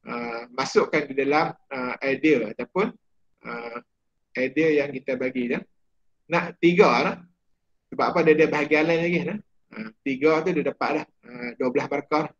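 A man with a Malaysian Malay accent, a religious studies teacher giving a chatty exam-prep lecture, with many fillers and quick checks on his students. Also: medium pitch, muffled recording.

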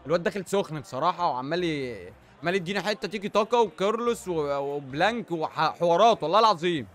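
A man's voice: fairly high pitch, expressive, fast talker, fairly bright tone, faint music behind. A young Egyptian man commentating his own football video game matches, joking and trash-talking the opponent. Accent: Egyptian Arabic. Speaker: gaming YouTuber. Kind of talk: excited FIFA gameplay commentary.

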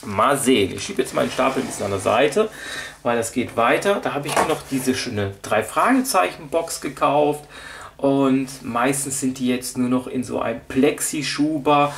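Speaking at a moderate pace, this vlogger's medium-pitched, creaky voice carries over a noisy background. He's indoors at a table, off camera, casually showing his audio drama collection. His delivery is off the cuff, rambling, and hesitant as he thinks aloud.

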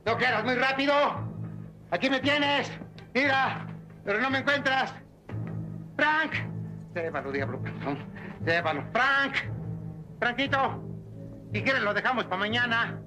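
A man's voice: high-pitched, expressive, a little slow, pauses often, over music. An actor playing a rambling, cheeky small-town man with a Mexican Spanish accent, joking and dropping broken English words in a 1960s film comedy. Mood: taunting.

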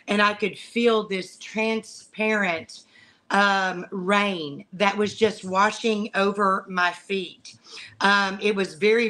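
A middle-aged woman giving a personal religious testimony in a halting way, often pausing and repeating words. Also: mid-range voice, bright, forceful tone, rough recording. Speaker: guest sharing a religious vision. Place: living room at home, video call. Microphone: video call microphone.

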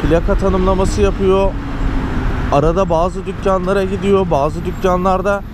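A man's voice: high voice, steady tone, normal speed. A man giving motovlog commentary as a courier, speaking from inside a helmet while riding. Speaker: motorcycle courier vlogger. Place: outdoors on a moving scooter in city traffic. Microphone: action camera on the rider. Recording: loud road and engine noise.

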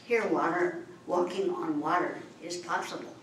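An older woman at a library open mic, reading free verse in a measured, deliberate way with pauses between phrases. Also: on the low side, fairly even intonation. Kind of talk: slow, measured poetry reading. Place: library meeting room, at a podium. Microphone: podium mic, far camera. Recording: echoey room from far off, faint hiss.

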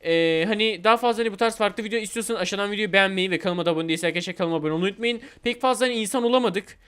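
A young man giving excited gameplay commentary as a gaming YouTuber, repeating words rapidly. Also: sits high, clean tone.

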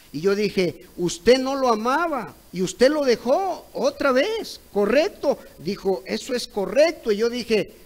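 Slow-talking high-voiced Mexican preacher man. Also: rough recording. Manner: retells a dialogue, repeating "correcto" and "¿ve?"; rises to loud exclaimed cries when acting out others. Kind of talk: Sunday school sermon.

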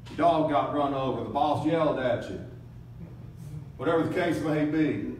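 A pastor preaches dramatically, acting out voices from the crowd and lamenting. His voice sits on the high side with a darkish tone, at normal speed. It's recorded from a distance in an echoey room, with a little hiss or hum.

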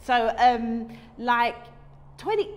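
A woman, hosting a casual interview, chatty, frank and animated, in a small studio set. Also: a little high, drawn-out words, crowd noise. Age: 30s. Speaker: host. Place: small studio set with lamp and fireplace screen.

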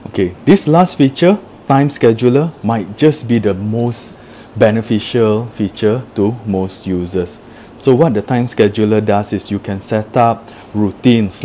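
A man's voice: on the low side, mellow, a little hiss or hum. A man casually walking through a product demo, explaining each step plainly in an office room. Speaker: product demonstrator. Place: indoor office room with a table.

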